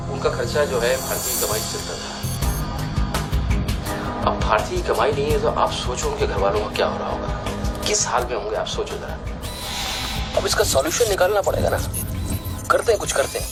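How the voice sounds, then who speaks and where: An actor in a film dub playing a nervous, slick playboy who wheedles and rambles, dropping in English phrases. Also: male voice, mid-range voice, lightly acted. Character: nervous, pleading, slick wealthy playboy bargainer. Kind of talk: Hindi film dub acting. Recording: loud film music behind.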